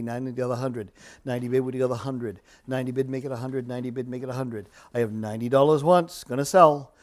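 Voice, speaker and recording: A man's voice: medium pitch, darkish tone. Male auctioneer rattling off a rhythmic bidding chant. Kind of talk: live auctioneer's chant, repeating bids in a rhythmic patter.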